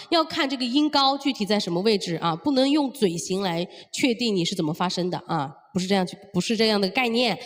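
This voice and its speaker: A woman singing teacher explaining technique at the piano, stepping through points and checking in with rhetorical questions. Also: mid-range voice. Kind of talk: vocal lesson at the piano. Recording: long reverb with piano music behind.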